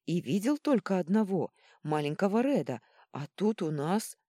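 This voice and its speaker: A woman voicing a flustered male court healer who exclaims excitedly. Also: deep voice, normal speed, breathy edge, no room sound, clean studio sound, full character voice. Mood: agitated.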